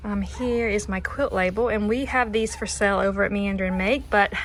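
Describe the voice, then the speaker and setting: Casual crafting host, female, medium pitch, chatty and self-effacing presentation, recorded with light ambient noise. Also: fairly even intonation, fairly quick. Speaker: quilter presenting her own finished quilt. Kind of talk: casual show-and-tell vlog.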